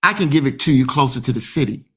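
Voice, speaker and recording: A man co-hosting a call-in talk show, forceful and repeating himself for emphasis. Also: medium pitch, expressive, fast talker, breathy edge. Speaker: co-host.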